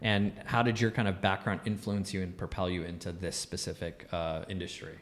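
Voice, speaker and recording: A man's voice: deep voice, flat delivery, fairly quick, a bit bright. A man of about thirty co-hosting a podcast, asking questions in a chatty way with plenty of fillers and restarts. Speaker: podcast co-host. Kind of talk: casual interview talk.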